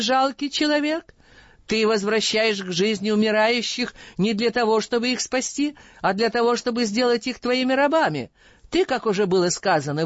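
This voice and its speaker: A commanding older caliph, voiced by the audiobook reader, who interrogates with stern authority. The voice moves lively up and down as he presses his questions. The recording is dry and somewhat muffled. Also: medium pitch, no room sound, voice pushed up, natural voice. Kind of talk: audiobook reading.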